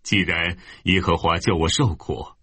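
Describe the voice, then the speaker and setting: A man's voice: sits low, fairly even intonation, measured pace, pushed and bright, husky, no echo, heavily acted. A man reading a grieving older widow. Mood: bitter. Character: grieving older widowed woman, bitter and weary.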